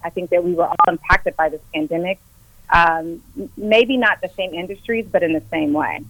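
A woman on a phone call that cuts in and out, explaining things in a measured way as a guest. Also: lowish voice, no echo. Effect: phone call cutting in and out. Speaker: guest, county economic development director. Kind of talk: phone-in interview.

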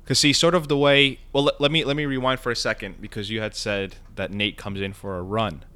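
A man hosting a casual podcast, animated and asking leading questions about a TV episode. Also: on the low side, brisk, clean tone. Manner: animated, asks leading questions, many fillers. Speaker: podcast host. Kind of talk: casual chat discussing a TV episode.

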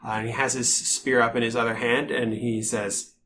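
Male game master, bright-edged voice, improvised narration in halting fragments, noticeable background noise. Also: medium pitch, flat delivery. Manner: halting, pieces scenes together in short phrases.

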